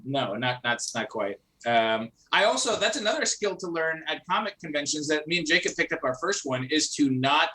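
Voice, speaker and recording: A man's voice: fairly high pitch, pushed and bright, a little hiss or hum, poor audio. A man who creates comics, chatting as a guest in a rambling, casual way. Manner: rambling, many fillers and restarts. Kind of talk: casual chat.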